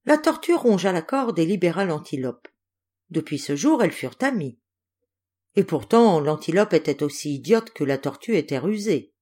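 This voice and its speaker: A woman reading a children's fable aloud in an expressive, animated storybook narration. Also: lowish voice, normal speed. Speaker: audiobook reader.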